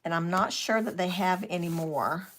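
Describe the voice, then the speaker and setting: A woman's voice: on the low side, normal speed, slight background noise. An older woman hosting a live craft session, chatting casually as she works and answering viewer comments. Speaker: craft channel host.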